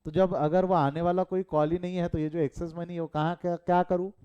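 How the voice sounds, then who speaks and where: A man's voice: high voice, level tone, brisk, clear, resonant tone, highs cut off. A middle-aged man with an Indian accent teaching a live online commerce class, mixing Hindi and English, quizzing his students and breaking off into chatty asides.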